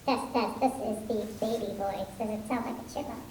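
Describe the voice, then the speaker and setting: A man testing a pitch-shifting voice changer that turns his voice into a squeaky chipmunk-style baby voice. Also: steady tone, moderate pace, a little mellow, a little hiss or hum, rough recording. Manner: testing, matter-of-fact. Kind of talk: casual mic test demo.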